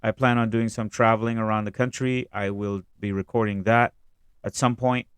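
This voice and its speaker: A man hosting a reaction video, talking casually in a halting, rambling way. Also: lowish voice, flat delivery, smooth, no echo. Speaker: video creator and host. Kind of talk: reaction video commentary, casual vlog talk.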